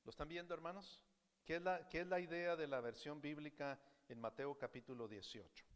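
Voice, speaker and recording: The sermon moves back and forth between Spanish and English, each point said twice as the pastor translates himself and keeps asking the congregation questions. He speaks a little fast, at a fairly high pitch, and sounds animated in the big room of the church sanctuary.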